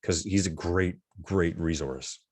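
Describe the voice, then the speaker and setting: A man's voice: sits low, slow pace, a little mellow, dry recording, studio quality. A man teaching an online class, talking casually and self-deprecatingly with frequent restarts over a video call. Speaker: instructor.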